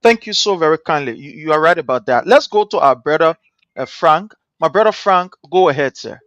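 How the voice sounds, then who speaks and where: Host, slightly high, dull lo-fi sound. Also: male voice, animated, a little fast, fairly bright tone. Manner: brief, polite, moves the call along. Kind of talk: radio talk host.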